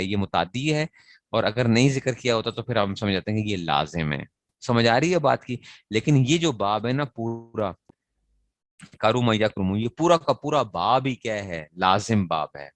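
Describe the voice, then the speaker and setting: A man's voice: lowish voice, dry recording. A man teaching grammar to students in a classroom lecture, asking questions and answering them himself and repeating key phrases. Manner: recites verb conjugations in a slow chant.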